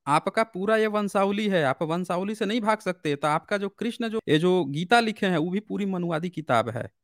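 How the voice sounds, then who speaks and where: A high-pitched man hosting a live call-in debate, pressing his caller with rapid, insistent questions. His voice is dry and close, with no room sound around it. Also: lively intonation, no room sound. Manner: argumentative, rapid-fire questioning. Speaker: host.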